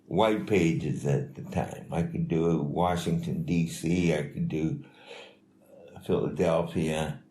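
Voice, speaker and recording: An older man telling life stories in a casual, rambling, halting way, as an interviewee. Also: very deep voice, steady tone, mellow. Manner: rambling, halting, chuckling delivery. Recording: echoey room with faint noise.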